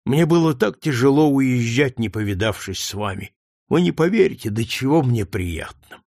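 A man voicing a meek, devout older man who speaks softly, slowly and tenderly in an audiobook reading. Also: mid-range voice, lively intonation, gravelly, no echo, studio quality. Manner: soft, slow, tender speech.

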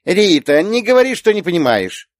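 A man's voice: very animated, moderate pace, no room sound, clean studio sound. A man voicing a chirpy little girl. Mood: eager. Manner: eager, questioning, high childlike voice. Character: cheerful chatty little girl. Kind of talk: audiobook character voice.

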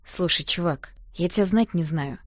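A woman's voice: lowish voice, moderate pace, no echo, studio quality, close to an everyday voice. A woman reading the part of an arrogant, mocking young man in a storybook. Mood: smug. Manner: mocking, condescending.

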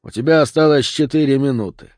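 A man's voice: mid-range voice, fairly quick, darkish tone, dry recording, clean studio sound, close to an everyday voice. A man doing a weary, curt police lieutenant. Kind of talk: audiobook character voice.

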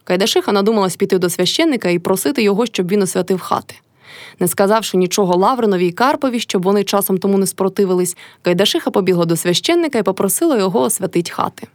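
A woman reading a classic novel aloud in an expressive narrating voice. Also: medium pitch, rapid-fire, no room sound. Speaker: reader.

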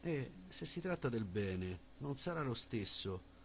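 A man reading the lines of Socrates, an older male philosopher who questions patiently, in a measured and deliberate way. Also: medium pitch, big pitch swings, creaky, fairly bright tone, a little hiss or hum, exaggerated voice. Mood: reasoning.

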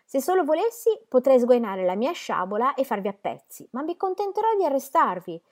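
A woman reading aloud voices an angry, half-drunk male soldier with shrill shouted threats. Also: very animated, normal speed. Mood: threatening.

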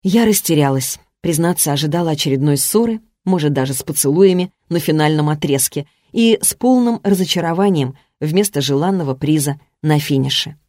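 A woman narrating a first-person romance novel in a measured, expressive reading. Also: sits low, no echo, studio quality. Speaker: audiobook narrator.

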